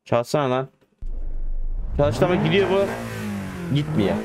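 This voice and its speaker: A man with a slightly higher-pitched voice chats his way through a driving game. He jokes, talks to the game and calls out to his viewers in loose, casual commentary. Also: animated, measured pace, background noise. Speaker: gaming streamer.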